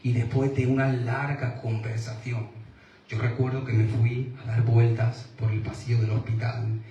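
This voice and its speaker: A man preaching a sermon as pastor, earnest, dropping to a hush when he quotes God. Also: medium pitch, flat delivery, normal speed, highs cut off, a little hiss or hum. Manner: earnest, quoting God in a hushed voice. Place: church hall. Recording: roomy echo, mic from a distance.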